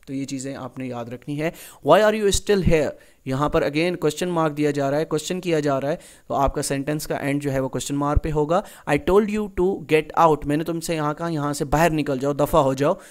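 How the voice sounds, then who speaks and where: Male tutor, lightly raised pitch, unhurried lecturing style with frequent check-ins. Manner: slow, deliberate reading of English example sentences, then explains in Urdu-Hindi; repeats "theek hai" often as a check-in. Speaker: English grammar teacher. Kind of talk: recorded exam-prep lecture.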